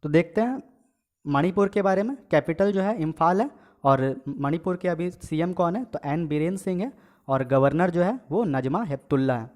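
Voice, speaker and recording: At a moderate pace, a man with a slightly high, darkish voice runs an exam-prep quiz lesson. After reading every question and option aloud, he gives the answer and says it again, often checking "okay" with viewers he calls friends and guys.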